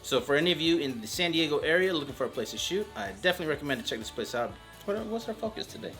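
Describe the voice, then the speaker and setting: A man's voice: fairly high pitch, animated, very fast, fairly bright tone, soft background music. A man hosting a photography vlog from a studio, joking and teasing in a casual way. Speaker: photographer and channel host. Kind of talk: casual behind-the-scenes vlog chat.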